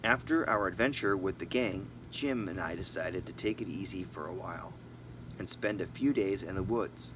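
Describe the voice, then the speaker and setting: A man whose voice sits low reads a storybook at normal speed as an amateur audiobook narrator, breaking off for asides. His delivery is informal with occasional stumbles and corrections, and the home recording is noisy with a steady hum.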